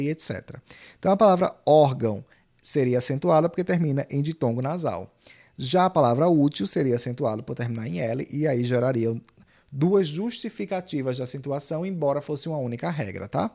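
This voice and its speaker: Brazilian male exam-prep teacher, mid-pitched, step-by-step, punchy asides. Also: creaky, a little mellow. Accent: Brazilian Portuguese. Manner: explains step by step, often adds "tá?" and "ó"; stresses key points with emphatic, urgent appeals. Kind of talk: online grammar lesson.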